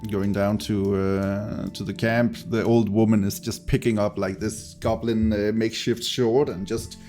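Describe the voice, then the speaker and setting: Slow, low-voiced male game master. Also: little pitch movement, mellow, faint music behind. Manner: hesitant, searching for words. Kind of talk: improvised tabletop game narration.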